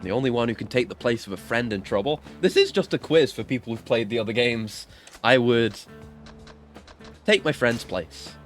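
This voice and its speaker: A man giving casual playthrough commentary, reading game dialogue aloud and adding joking, sarcastic asides. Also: medium pitch. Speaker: video game streamer. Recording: game music behind the voice.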